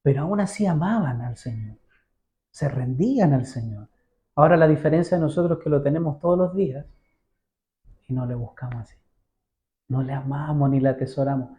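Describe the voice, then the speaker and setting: The recording is dull, capturing a male pastor's mellow, high-side voice as he delivers a church sermon fairly quickly with frequent pauses. He chats with his listeners, keeps questioning them and performs the voices of the people in his stories.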